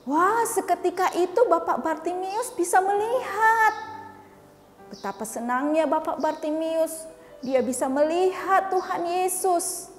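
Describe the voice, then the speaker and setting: A woman teaching Sunday school, telling a Bible story to children in a lively way and asking them questions. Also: very high-pitched, unhurried. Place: church hall. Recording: echoey church hall, faint music.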